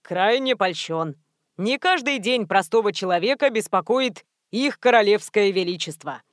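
A woman's voice: mid-range voice, lively intonation, normal speed, no echo, clean studio sound, close to an everyday voice. Sarcastic male hacker joker, voiced by a woman, theatrical exclamations, audiobook detective comedy. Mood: mocking, playful. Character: flippant young male hacker, clowning and sarcastic. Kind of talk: audiobook character voice.

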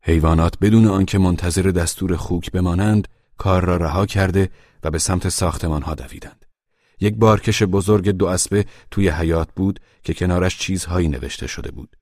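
A man narrating a storybook in a measured, grave, dramatic way. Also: low voice, a little mellow, no echo, studio quality. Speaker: audiobook narrator.

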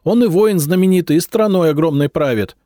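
A high, shrill princess, pleading in tears and then arguing back with defiance, as a male narrator puts her on in an audiobook. The voice climbs well above his own and jumps about in pitch, and the recording is dry and close. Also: big pitch swings, normal speed, a little mellow, no room sound. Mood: tearful pleading. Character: tearful defiant young princess wife.

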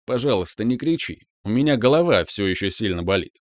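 A composed young nobleman with a demon's coolness, answering in a low, dry, unbothered voice, as a male narrator reads him. The sound is dry and close. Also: expressive, fairly quick, dry recording, close to an everyday voice. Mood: pained. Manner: unflappable, dry. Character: calm young man possessed by a demon.

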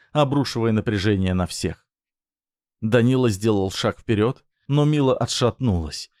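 A man narrating a dramatic story in a measured, dramatic reading style. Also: fairly low pitch, a little mellow, no room sound, clean studio sound.

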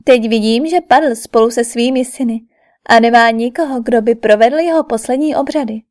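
A woman's voice: fairly high pitch, a little mellow, natural voice. A woman voicing a grieving royal mother. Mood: sorrowful. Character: grieving royal mother confessing old secret. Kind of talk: audiobook character reading.

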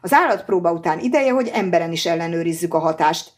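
A woman voicing a calm, self-assured male scientist in an audiobook, speaking in a measured, explanatory way. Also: on the low side.

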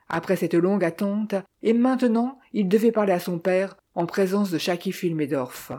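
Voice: mid-range voice, dark tone. Narrateur posé à la voix sombre. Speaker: audiobook narrator. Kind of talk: scripted narration of a detective novel.

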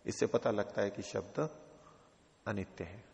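Speaking at a measured pace in a low, darkish voice with vocal fry, a middle-aged man teaches a class on an old text. As a teacher of philosophy texts in an ashram hall, he patiently works through repeated examples, and the recording has a dull reverberance.

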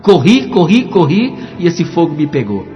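A man's voice: fairly high pitch, huge pitch swings, moderate pace, soft background music. A pastor giving a dramatic testimony sermon, acting out the voices in his story. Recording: dull recording with long hall reverb.

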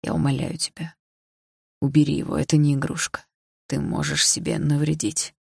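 Woman reading as a tense tattooed young guy, low husky voice, hushed and urgent. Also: level tone, moderate pace, no room sound, clean studio sound, full character voice. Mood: tender. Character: tender troubled young man, tattooed, protective.

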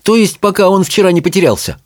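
A man's voice: sits high, animated, fast, dry recording, studio quality, voice pushed up. A man voicing a polite, somewhat flustered young girl in a storybook reading. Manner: polite, hesitant.

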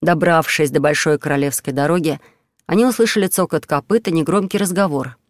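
A man narrating an audiobook story in a steady, expressive way. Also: on the high side, a little fast, no echo, clean studio sound.

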